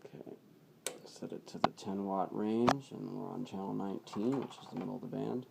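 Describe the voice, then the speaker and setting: A hobbyist presenter demonstrates radio gear in an amateur home video, speaking casually and unscripted in a plain, matter-of-fact way. His voice is creaky and fairly low, with fairly even intonation at a moderate pace, and the audio is very noisy.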